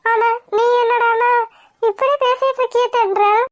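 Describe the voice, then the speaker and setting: A woman's voice: extremely high pitch, steady tone, normal speed, no room sound, clean studio sound. A woman voicing a fussy elderly grandmother in a cartoon, scolding and pleading tearfully. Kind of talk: cartoon voice acting.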